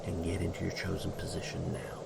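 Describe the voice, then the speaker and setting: A man guiding a meditation in a soft, breathy, half-whispered, soothing delivery with slow, gentle pacing. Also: sits low, monotone, very noisy. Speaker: meditation instructor. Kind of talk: guided meditation instruction. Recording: voice over prominent background music. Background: music.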